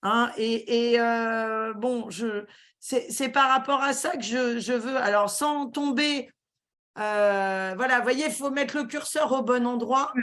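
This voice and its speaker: A woman giving a talk on a webinar, halting often with fillers and restarts. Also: on the high side, a bit bright. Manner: hesitant, many fillers and restarts. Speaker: guest speaker.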